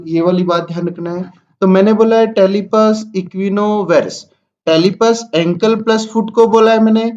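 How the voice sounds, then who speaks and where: A man with a fairly high voice gives a slide lecture to nursing exam students. He recaps every point and answers his own questions. The recording sounds a little dull and lo-fi. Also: a little mellow.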